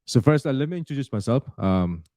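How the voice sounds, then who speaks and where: A man's voice: mid-range voice, very animated, brisk, mellow, no room sound. A middle-aged man born in the Philippines, a realtor speaking earnestly and directly to his viewers, with frequent "uh" fillers. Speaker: realtor and YouTuber. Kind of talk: talking to camera.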